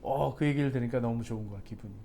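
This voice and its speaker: A man's voice: mid-range voice, very fast. A male pastor preaching a sermon, telling a personal story with questions to the congregation. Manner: lively storytelling with asides to the congregation. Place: church sanctuary.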